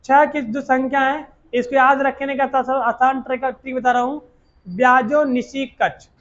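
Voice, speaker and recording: A man's voice: extremely high pitch, flat delivery, moderate pace, a bit bright, muffled recording. A male teacher, giving a classroom lecture and drilling students with repeated questions and answers. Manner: repetitive call-and-response drilling.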